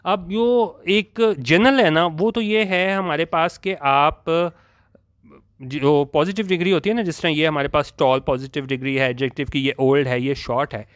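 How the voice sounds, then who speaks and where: A man's voice: fairly high pitch, moderate pace, no room sound. A man teaching English grammar who repeats his examples and keeps quizzing the listener with questions, with a Pakistani accent on his English words. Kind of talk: lesson explaining on a board. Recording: dry, muffled lo-fi recording.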